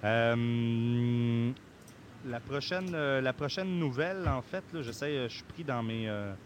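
A man with a Québécois accent hosting a podcast casually, in a halting, hesitant way. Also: mid-range voice, a little hiss or hum. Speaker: podcast host.

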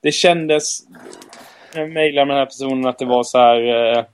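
A man's voice: medium pitch, smooth. A man hosting a podcast in casual chat, joking around, repeating himself and tripping over his words. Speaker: podcast host.

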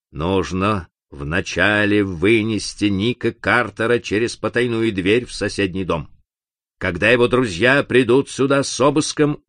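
A man doing a cunning cruel crook, cold and menacing, low voice, lively swings, dry recording. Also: no echo. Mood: commanding. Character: cunning, cruel male criminal boss. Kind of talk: audiobook reading.

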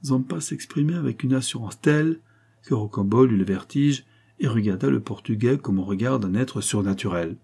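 A man's voice: mid-range voice, moderate pace, vocal fry, darkish tone, husky. A man reading a classic adventure novel aloud as scripted narration. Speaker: audiobook reader.

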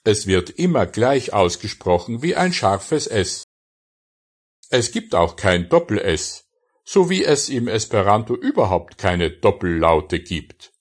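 A man's voice: on the low side, sing-song, slow pace. A man giving a scripted audio language lesson, carefully enunciating single words one by one and then translating each. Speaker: language teacher.

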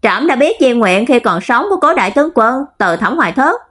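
A woman's voice: fairly high pitch, big pitch swings, fairly quick, fairly bright tone, husky, pitched above the performer's own voice, heavily acted. A woman voicing a young male emperor who speaks in solemn, formal court language.

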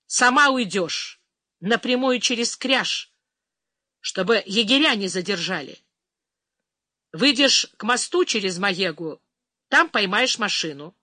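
Woman narrator doing a gruff solitary man, curt, slow and measured, bright dry voice, storybook. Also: medium pitch, no echo, exaggerated voice. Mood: steady. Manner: terse, calm. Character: lonely man living alone in the wild, gruff and guarded.

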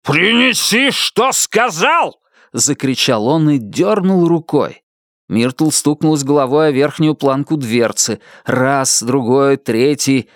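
A man narrating a dark thriller audiobook in a tense, vivid way. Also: mid-range voice, unhurried, no echo, studio quality. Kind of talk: dramatic audiobook reading.

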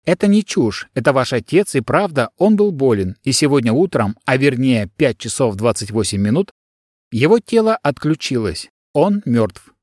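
A man voicing an electronic secretary, soft-spoken, formal and level. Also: mid-range voice, big pitch swings, normal speed, dry recording, clean studio sound. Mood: calm. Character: electronic secretary, male, polite, calm machine.

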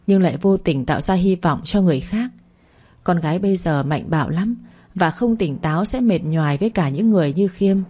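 Woman narrator, audiobook romance, low voice, warm mellow tone, calm storytelling.

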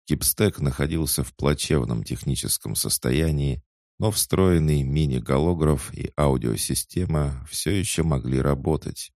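A man narrating a science fiction audiobook in a measured, even storytelling manner. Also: rumbling low, no room sound, studio quality. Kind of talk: scripted narration.

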